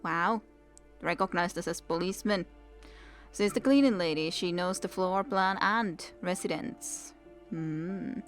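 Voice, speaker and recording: A woman's voice: fairly low pitch, measured pace, soft background music. A woman hosting a let's play, chatting casually as she comments on a video game and reads it aloud.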